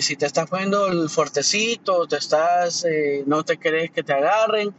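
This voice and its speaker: Man, casual monologue, repeats himself, indignant, far from the mic, clear street noise. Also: fairly high pitch. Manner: rambling, repeats words, earnest and indignant. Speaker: commentator sharing opinions. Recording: muffled distant mic with loud traffic noise.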